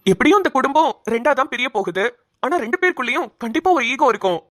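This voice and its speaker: A woman voicing a calm young man in a cartoon, explaining things in a soothing way. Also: high voice, fast talker, no echo, clean studio sound, heavily acted. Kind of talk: cartoon voice acting.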